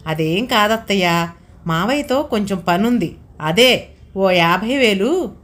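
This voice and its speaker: Brief: hurried, wheedling nephew in his forties, read by a woman storyteller. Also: mid-range voice, lively intonation, fairly bright tone. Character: pushy middle-aged nephew, hurried.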